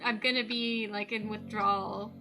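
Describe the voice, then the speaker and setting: A woman's voice: medium pitch, flat delivery, moderate pace. A woman with a Canadian accent chatting casually on a gameplay livestream, thinking aloud and laughing often. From West Coast of Canada. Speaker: streamer. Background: game music.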